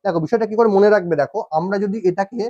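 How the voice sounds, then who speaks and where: A man's voice: high voice, very fast, dark tone, no echo. A man teaching Bengali spelling for competitive exams, repeating each point and checking in with his students. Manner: repeats points, asks "ঠিক আছে?" often. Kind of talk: exam-prep grammar lesson. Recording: dull, lo-fi sound.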